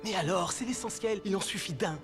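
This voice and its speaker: An actor playing an earnest, naive friend in a dubbed comedy film, giving emphatic, grandly solemn romantic advice. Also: male voice, sits high, a little fast, close to an everyday voice. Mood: eager, indignant. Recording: loud music over the voice.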